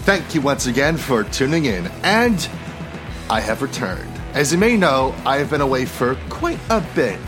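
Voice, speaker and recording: A man's voice: mid-range voice, big pitch swings, normal speed. A man hosting a podcast in a scripted, theatrical emcee style, playing up a mock-king persona, with music behind him. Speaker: podcast host. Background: background music with guitar.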